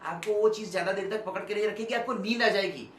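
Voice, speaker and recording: A man giving a motivational talk to students. He is animated, moves between soft and loud speech on purpose, and keeps asking "okay?" to check in with his listeners. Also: high-pitched, quick pace, a little hiss or hum. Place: indoor room, standing and moving about. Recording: echoey room, mic at a distance.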